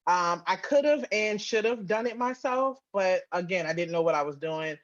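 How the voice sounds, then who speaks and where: A writer and audio drama producer gives casual, informal answers as an interview guest, often acting out bits of dialogue as she talks. Her voice is lowish and animated, at a moderate pace, and the sound is lo-fi.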